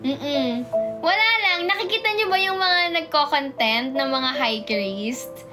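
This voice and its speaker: A young woman with a high, girlish voice and a Filipino accent chats to her fans on a phone livestream. She is bubbly and eager, stumbling slightly over words because of a sore mouth. Music plays clearly behind her. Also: unhurried. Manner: bubbly, greets viewers by name with excited squeals. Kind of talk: casual livestream chat, reading comments. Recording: music playing in the background.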